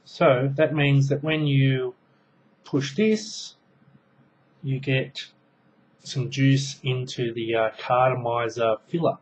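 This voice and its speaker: Slow and steady, this mid-range man's voice comes through a rough recording. He's an Australian in his thirties giving a casual show-and-tell review of a gadget at home, rambling, restarting, and saying um a lot while working with his hands. A close webcam mic captures him in a small indoor room.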